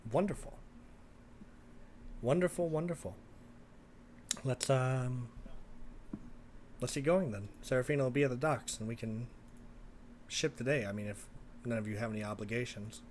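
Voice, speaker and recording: A man's voice: medium pitch, steady tone, moderate pace, long pauses, a little hiss or hum, close to an everyday voice. A man voicing a small, breezy woman bounty hunter in tabletop role-play, coaxing and cajoling. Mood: cheerful, coaxing.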